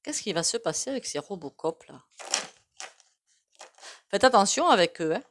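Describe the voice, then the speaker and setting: A woman's voice: mid-range voice, sing-song, moderate pace, background noise. A woman with a regional French accent giving a casual, rambling tarot reading, full of hesitations and asides. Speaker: tarot card reader.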